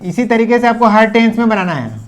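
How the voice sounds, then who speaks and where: Male grammar teacher, fairly high voice, patient and repetitive, switches between speech and English examples. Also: sing-song. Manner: explains patiently, repeats example sentences slowly; mixes English sentences into his speech. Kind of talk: classroom-style video lesson.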